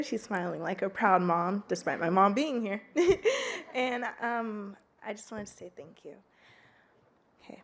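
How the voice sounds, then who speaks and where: A young woman in her late teens, a student speaker, delivering a prepared public speech in an earnest, heartfelt way, reading steadily. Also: fairly high pitch.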